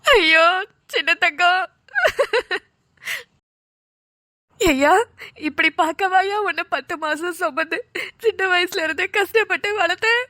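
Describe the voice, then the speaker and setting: A woman voicing a grieving mother in a cartoon who wails in a high lament over her injured son. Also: normal speed, sharp tone, dry recording, studio quality. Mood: wailing grief. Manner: wailing, high-pitched lament. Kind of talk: cartoon voice acting.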